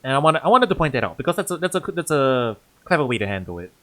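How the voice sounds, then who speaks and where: A man's voice: mid-range voice, big pitch swings, racing, fairly bright tone. Chatty man streaming a game. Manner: chatty, thinks aloud, restarts sentences. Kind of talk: casual let's-play commentary.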